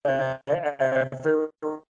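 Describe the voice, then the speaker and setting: A man on a video call with a bad Wi-Fi connection, his words breaking up and dropping out as he haltingly restarts sentences. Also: medium pitch, level tone, a little mellow, smooth, highs cut off, faint music behind. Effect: choppy bad connection with dropouts and frozen audio. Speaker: student asking a meditation teacher. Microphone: video call over weak Wi-Fi.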